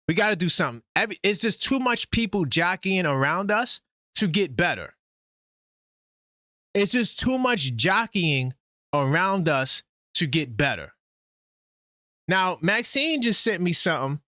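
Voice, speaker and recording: Man hosting a sports livestream, excited, talks straight to viewers, bright forceful voice, dry close sound. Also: high voice, no room sound. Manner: animated, breaks in with updates, talks straight to viewers. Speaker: host of a sports call-in livestream. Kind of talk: excited live sports talk.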